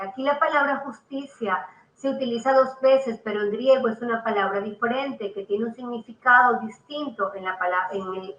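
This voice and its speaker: Bright-voiced woman preaching in an echoey room. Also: fairly high pitch, highs cut off. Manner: preaching with rising emphasis, repeating phrases and interjecting hallelujah. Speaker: prophet and TV program host. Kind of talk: televised sermon.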